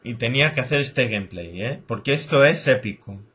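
Jumpy young gamer, bright voice. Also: male voice, medium pitch, animated, brisk, a little hiss or hum. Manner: jokey, jumpy, sings and shrieks in bursts. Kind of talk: horror game commentary.

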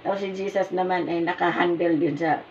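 An older woman with a Filipino accent, telling a personal story in a rambling, halting way, often searching for words. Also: fairly low pitch, steady tone, creaky, a little mellow. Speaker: mother telling her story. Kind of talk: casual storytelling. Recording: muffled, distant, with background noise.

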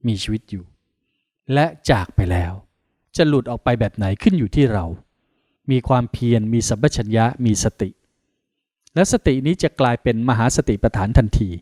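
A Buddhist monk from Thailand leads a guided meditation in a calm, unhurried voice of middling pitch. He gives soothing instructions with long pauses between phrases. The sound is dry and close, with no room echo.

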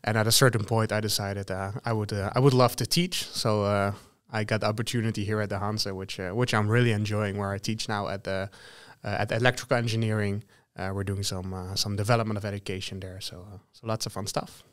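A male lecturer speaks as a guest in a casual podcast interview. His voice is low and smooth, recorded on a studio microphone. He pauses often with fillers. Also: little pitch movement. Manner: many uh fillers, friendly. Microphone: studio mic on a stand.

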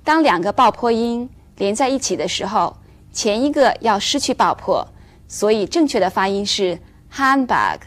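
Woman teaching English in a clear, measured voice. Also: fairly high pitch. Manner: clear, measured explanation, slowing down for English examples. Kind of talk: recorded English lesson for Chinese learners.

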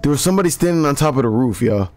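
A hoarse young man hosting a horror game video, talking excitedly in slang and addressing his viewers often. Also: medium pitch, rapid-fire. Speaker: gaming channel host. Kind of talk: horror game reaction and outro.

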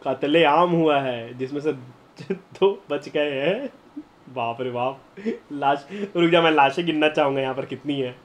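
A young man streaming a game live, chatting to viewers and breaking into excited shouts and laughter. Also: fairly high pitch, unhurried. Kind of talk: live gameplay commentary.

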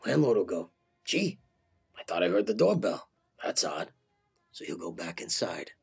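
A man playing a childish mafia boss in a comedy sketch, speaking solemnly and deliberately like a fatherly godfather. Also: sits low, very animated, gravelly, slightly rough, full character voice. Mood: grave, calm. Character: childish Italian-American mob boss, grave and fatherly. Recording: music playing under the voice.

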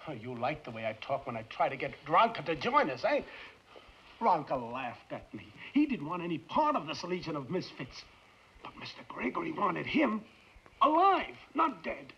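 A man's voice: on the high side, big pitch swings, moderate pace, bright, forceful tone, slight background noise, full character voice. A man playing a frightened, guilt-ridden scientist who stammers and pleads, in 1950s film noir acting. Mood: anxious, pleading. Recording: muffled 1950s film soundtrack.

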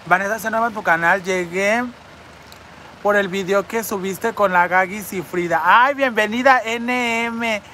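A woman's voice: medium pitch, unhurried, pushed and bright, slight background noise. A woman with a Mexican Spanish accent hosting a live stream, reading viewer comments aloud and answering in a brassy, campy, foul-mouthed way, speaking into a phone outdoors on a city street. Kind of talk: crude live-stream chat.

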